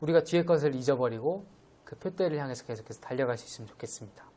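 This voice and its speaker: A young man giving a conversational midweek sermon, gently teasing and explaining scripture to his congregation. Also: medium pitch, racing. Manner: conversational, gently teasing, acts out quoted voices. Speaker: preacher.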